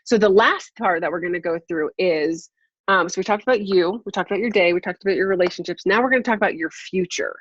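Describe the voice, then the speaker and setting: A woman's voice: on the low side, fast, a bit bright, dry recording. A woman life coach leading a group coaching call over a video call, upbeat, encouraging and motivational. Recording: slightly muffled lo-fi call audio.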